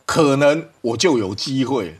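A man's voice: medium pitch, lively intonation, unhurried, husky. A man with a Taiwanese Mandarin accent giving political commentary on a studio panel, reasoning aloud in an argumentative way and repeating phrases.

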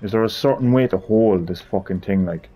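A man talks through a game he is stuck on, swearing and muttering to himself. His voice is dark and mellow, with a husky edge. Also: fairly low pitch, fairly quick. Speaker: gamer. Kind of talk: gameplay commentary.

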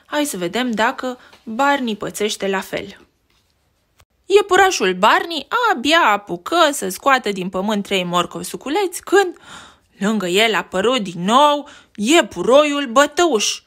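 A woman reading a picture book aloud to a child, lively and pointing out the pictures as she goes. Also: fairly high pitch. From Romania.

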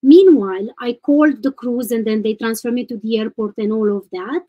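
Woman, 30s, fairly high voice, hesitant detailed account, webcam video call. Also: moderate pace, lo-fi sound. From Romania. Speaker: caller. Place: home room.

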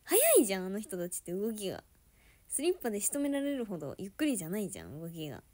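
A woman chatting casually with viewers on a livestream, giggling often and sometimes dropping to a soft murmur. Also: mid-range voice, big pitch swings, racing.

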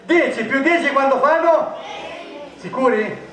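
A man's voice: very high voice, measured pace, a bit bright. A man performing as a stage magician, giving jokey, teasing patter to volunteers in a live comic magic show. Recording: echoey, distant stage recording.

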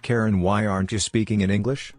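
A man voicing a rude, entitled woman diner in a complaining manner, read in his own deep voice. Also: fairly even intonation, brisk, darkish tone, no room sound, soft background music, close to an everyday voice. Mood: indignant.

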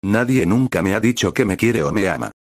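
Blunt teen ninja boy, confused, deep dry voice a guy reading him out. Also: lively intonation, brisk, dry recording. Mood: puzzled. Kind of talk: fan story narration.

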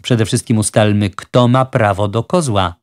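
A man's voice: lowish voice, unhurried, lightly acted. A man voicing a proud, reserved young hunter who speaks firmly but politely. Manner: firm but polite, curt.

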